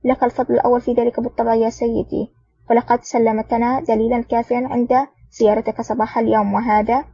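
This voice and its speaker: A woman's voice: fairly high pitch, flat delivery, fast talker, warm tone, slightly rough, no room sound. A woman voicing an anxious, ambitious male Soviet officer who talks in an eager, flustered way. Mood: nervous. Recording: dull lo-fi audio.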